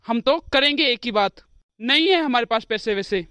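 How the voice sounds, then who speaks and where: A high, dry voice carries this exasperated cartoon husband, played by a woman, who scolds in blunt, grumbling lines. The recording is close and free of room sound. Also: lively intonation, normal speed, fairly bright tone, smooth, no echo. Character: grumbling young office-going husband. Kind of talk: cartoon voice acting.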